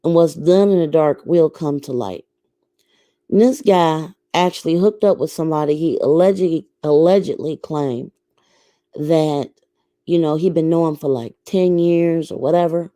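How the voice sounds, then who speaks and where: A woman's voice: low-pitched, normal speed, warm tone, no room sound, clean studio sound. An American woman giving casual opinion commentary to viewers, speaking emphatically and repeating phrases for stress. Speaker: YouTube commentator.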